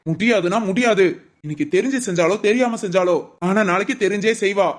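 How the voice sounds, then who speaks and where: A stubborn grown son in a family cartoon, voiced by an actor. He answers curtly and defensively, at a fast clip. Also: mid-range voice, natural voice. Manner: curt, defensive. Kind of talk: cartoon voice acting.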